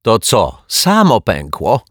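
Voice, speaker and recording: Guy putting on a cranky old widow lady, nagging and fussing, lively up and down. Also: measured pace, slightly rough, dry recording, clean studio sound, full character voice. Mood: scolding. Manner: nagging, indignant, shrill. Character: grumpy scolding elderly widow neighbor.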